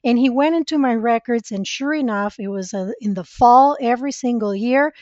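A woman from Costa Rica, speaking as a podcast guest, tells her own story in an earnest, reflective way. Her voice sits a little high. The recording is dry and dull, with a lo-fi quality. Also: normal speed, a little mellow, no echo. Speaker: podcast guest, spiritual mentor. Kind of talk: conversational interview storytelling.

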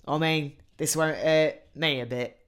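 A sinister captor, played by a woman, coos in a patronizing, hushed tone that is meant to calm but unsettles. The voice sits lowish and unhurried. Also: clear, resonant tone. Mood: menacing soothing. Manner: patronizing soothing. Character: mock-soothing sinister male captor. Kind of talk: hobby audio drama.

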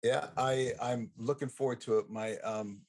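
A middle-aged American man, a freight forwarding executive, appears as a guest on a podcast. He chats casually and tells jokey stories in an animated way. His mid-range voice moves at an unhurried pace.

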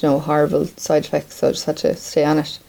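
A woman's voice: sits low, completely flat delivery, fast, creaky, mellow, poor audio. An Irish woman co-hosting a podcast, chatting casually in a colloquial way. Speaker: podcast co-host. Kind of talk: casual chat.

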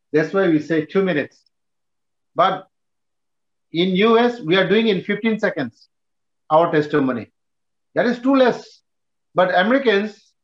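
Higher-pitched Indian-accented man preaching, muffled audio. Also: echoey room. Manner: emphatic, repetitive, short phrases. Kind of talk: teaching talk to church workers.

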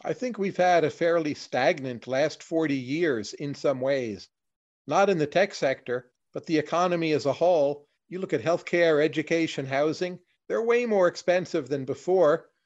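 A man, a guest in an interview, explaining his views in a measured way, in plain short lists. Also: on the high side. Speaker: economist guest. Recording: dull lo-fi audio.

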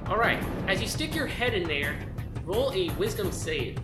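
A woman narrating a tabletop game as game master, descriptive and halting as she improvises. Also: mid-range voice, sing-song. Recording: roomy sound with music behind.

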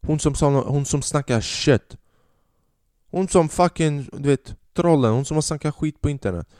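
A man's voice: a little high, no room sound, clean studio sound. Man in his twenties riffing profanely. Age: 20s. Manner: profane, rambling, animated storytelling. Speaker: podcast host and stand-up comedian. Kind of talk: casual comedic monologue.

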